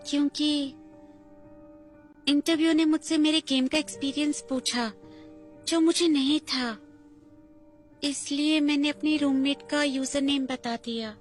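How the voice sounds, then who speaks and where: A woman's voice: high voice, steady tone, a little slow, long pauses. Woman voicing a proud young intern. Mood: guarded. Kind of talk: Hindi dub of a drama. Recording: music under dialogue.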